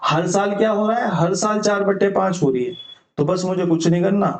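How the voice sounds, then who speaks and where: A man's voice: sits high, brisk, echoey room. A young man teaching an exam-prep maths lesson step by step, mixing English terms into his talk and often checking in with his students. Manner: explains step by step, mixes English terms into Hindi.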